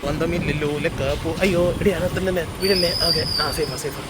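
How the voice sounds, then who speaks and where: A man's voice: a little high, steady tone, a little fast, very noisy. A young man casually vlogging a trip with his friends, teasing them and introducing each one to a handheld camera. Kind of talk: casual travel vlog with friends. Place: among a group on a road trip, by a bus. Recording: busy group chatter around.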